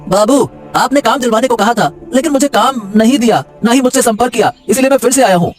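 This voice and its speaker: A man's voice: very high voice, fast talker. A man voicing an eager, deferential young man looking for work in a cartoon. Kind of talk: cartoon voice acting. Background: background music.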